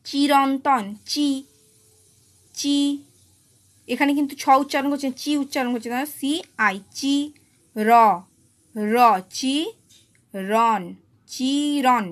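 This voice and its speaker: A woman with a slightly high voice teaches pronunciation, drilling single syllables one at a time. She records herself on a phone held in one hand. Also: fairly even intonation, takes it slowly, pauses often. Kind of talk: phonetics lesson.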